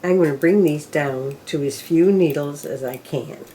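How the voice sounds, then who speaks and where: The recording is low quality, with a little hiss or hum, as an older woman casually teaches machine knitting step by step. Her deep, mellow voice keeps a moderate pace while she talks to herself and counts rows aloud.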